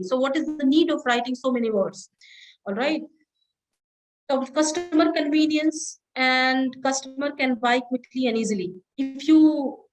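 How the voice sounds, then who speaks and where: A woman teaches a class with a high, clear voice. She lectures in an instructive way, often checking in with "all right?" and slowing to stress the key words. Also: rough recording. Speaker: associate professor lecturing. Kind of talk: classroom lecture on presentation skills.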